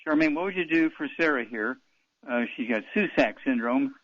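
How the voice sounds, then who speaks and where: A man's voice: mid-range voice, expressive, brisk, no room sound, highs cut off. A man hosting a call-in radio advice show, blunt and dismissive, often interrupting callers. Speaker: radio talk show host.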